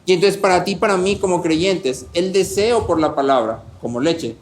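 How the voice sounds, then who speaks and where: A man preaches a sermon as a pastor. His voice sits somewhat high for a man. He delivers it with animated energy, rhetorical questions, and swings between quiet and loud passages. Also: normal speed.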